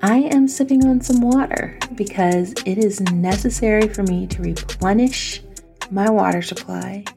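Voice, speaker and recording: Young woman hosting her podcast, playful and chatty, kinda teary, bit of vocal fry. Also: mid-range voice, measured pace, over music. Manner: chatty, playful, self-mocking. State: teary, emotional. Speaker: podcast host. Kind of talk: casual solo podcast chat.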